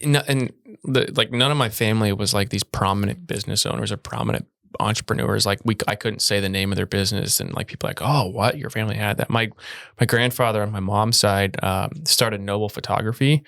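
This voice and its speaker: A relaxed young man from Iowa talks as a podcast guest, his low voice carrying a gravelly edge. The sound is dry and close, with no room around it. He chats easily and laughs often. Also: brisk, no room sound. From Iowa, USA. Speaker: podcast guest, video production business owner. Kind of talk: casual interview conversation.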